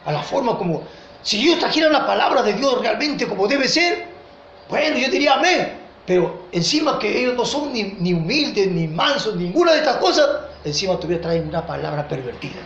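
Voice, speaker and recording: A man's voice: very animated, fairly quick, lo-fi sound. Peruvian male pastor, impassioned sermon, keeps calling listeners "brother", echoey church room, faint hiss. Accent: Peruvian Spanish. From Peru. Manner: impassioned preaching, swinging between loud peaks and low asides; addresses listeners as "hermano". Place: church hall.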